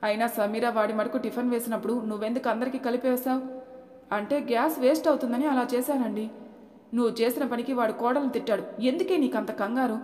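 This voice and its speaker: A woman's voice: a little high, steady tone, fast, darkish tone, close to an everyday voice. A woman voicing a stern but fair older father-in-law who speaks firmly. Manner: stern and firm. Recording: echoey room with long reverb.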